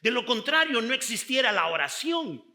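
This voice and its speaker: A middle-aged male pastor preaching a sermon, emphatic and drawn out, with sudden shifts in loudness. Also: very high voice, sing-song, normal speed, gravelly.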